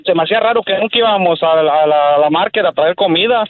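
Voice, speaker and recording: A man calling in to a comedy radio show, telling his story in a deadpan, complaining way. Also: high-pitched, fast talker, narrow, tinny audio, a crowd in the background. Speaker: caller.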